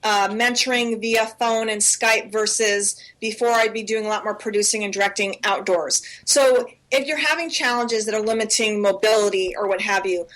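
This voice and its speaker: A woman's voice: medium pitch, fairly even intonation, moderate pace, hardly any pauses, fairly bright tone. A woman in her forties co-hosting a talk show, speaking earnestly and emphatically, often repeating herself for stress. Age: 40s. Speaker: co-host. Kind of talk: casual talk show chat. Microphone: remote call.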